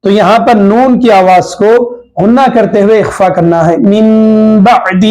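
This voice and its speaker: A man with a Hyderabadi Urdu accent teaching a tajweed lesson, explaining each rule slowly and repeating the examples. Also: high-pitched, darkish tone, poor audio. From India. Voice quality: clears throat now and then. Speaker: Quran recitation teacher.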